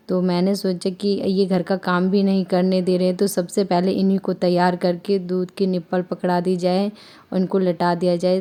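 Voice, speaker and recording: A young woman from India, a mother, calmly narrating her household routine in a steady, explanatory way that often repeats itself. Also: on the low side. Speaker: vlogger mother. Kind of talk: calm voice-over narration of a home routine.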